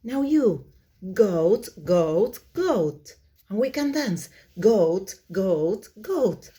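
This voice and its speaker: A woman's voice: medium pitch, very animated, dark tone. A woman leading a children's singalong lesson as a teacher, in a singsong, repetitive manner for young learners. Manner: singsong, repeating words slowly for young children. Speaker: children's English teacher, host.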